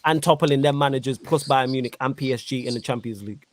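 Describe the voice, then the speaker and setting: Fast-talking Mancunian man. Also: mid-range voice, slight background noise. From Manchester, England. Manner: fast, animated, reads viewer comments aloud. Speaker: podcast host. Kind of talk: casual football podcast chat.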